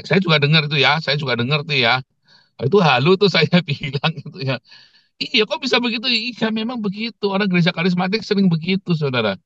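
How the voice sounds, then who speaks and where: Joking pastor, dry sound. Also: male voice, mid-range voice, dry recording, lo-fi sound. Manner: animated storyteller, jokes and laughs, keeps addressing listeners as brethren. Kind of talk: conversational sermon.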